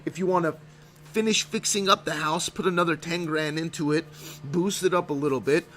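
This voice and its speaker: A man's voice: on the high side, fairly quick, a bit bright, a little hiss or hum. A man, a real estate investor, talking casually to camera in a brash, profane way and often checking in with "okay?". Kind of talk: casual vlog talk to camera.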